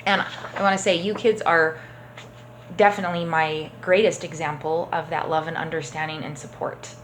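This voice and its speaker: A woman teaching a children's church class, telling a story gently and often checking in with the kids. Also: sits low, steady tone, moderate pace, a little hiss or hum, low-quality recording. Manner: gentle, encouraging, checks in with "okay?".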